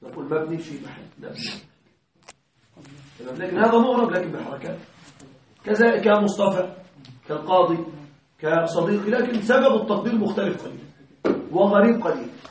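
A man's voice: sits high, expressive, a little fast, pauses often, a little hiss or hum. A man teaching grammar to a class, explaining through worked examples and checking with rhetorical questions. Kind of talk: classroom lecture. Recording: very echoey room, voice far from the mic.

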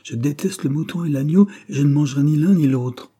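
A man's voice: on the high side, a little fast, mellow, breathy edge, voice pushed up. A man reading aloud voices a sulky, pampered young man who whines about food. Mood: petulant. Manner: whiny, petulant.

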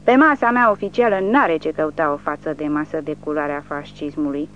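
A reader voicing a drunk, bullying man who is a Soviet village official, shouting insults in an audiobook. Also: on the high side, lively intonation, dull audio, faint music behind, lightly acted. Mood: ranting.

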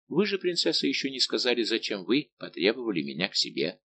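A man's voice: mid-range voice, huge pitch swings, fast talker, pushed and bright, a little hiss or hum, full character voice. A man reading an audiobook, voicing a devoted young nobleman count who speaks with respectful firmness. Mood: earnest.

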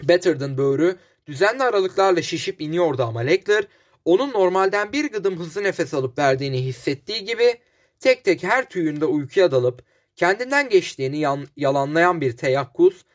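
Male audiobook narrator, slightly high voice, measured storytelling. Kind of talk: scripted narration.

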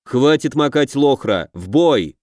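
A man's voice: medium pitch, lively intonation, measured pace, darkish tone, dry recording, clean studio sound, natural voice. A man reading an audiobook voices a stern male leader who barks short orders. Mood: barking. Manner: barking orders. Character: stern commanding male leader, future king.

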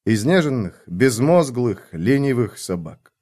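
Man narrating an audiobook, measured. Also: medium pitch, sing-song, a little mellow. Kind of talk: scripted first-person narration.

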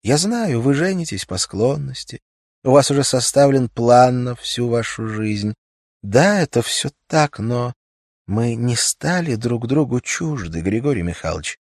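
Мужчина читает вслух и озвучивает молодую светскую женщину, которая горячо и с мольбой просит о сочувствии. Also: male voice, animated, a little slow, darkish tone, dry recording, studio quality. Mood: pleading. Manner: raised pitch, emotional pleading. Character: pleading young society woman.

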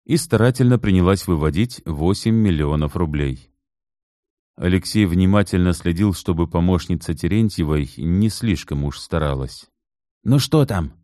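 Deep-voiced male audiobook narrator. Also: no echo, studio quality. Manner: measured, even storytelling. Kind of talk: scripted narration.

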